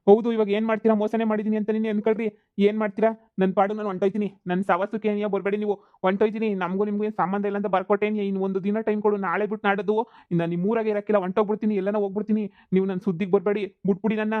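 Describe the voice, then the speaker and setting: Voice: mid-range voice, little pitch movement, racing, no room sound, phone-quality sound, lightly acted. A performer voicing a whining, cornered village husband in a cartoon comedy, pleading and muttering threats. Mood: sulky threats.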